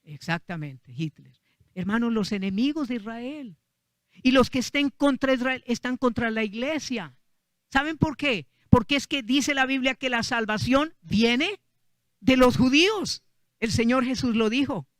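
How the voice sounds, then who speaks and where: Un hombre que predica en una enseñanza dominical y cuenta una historia bíblica de forma animada, dirigiéndose a los hermanos. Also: male voice, very high-pitched, unhurried, no room sound. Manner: lively, addresses congregation as brothers. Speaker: preacher. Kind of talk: Sunday sermon, storytelling.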